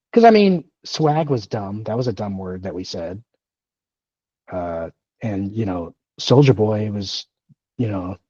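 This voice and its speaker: A man in his early thirties co-hosts a podcast, chatting casually in a rambling, self-deprecating way full of fillers and restarts. His voice is on the low side and mellow, recorded with no echo and the highs cut off.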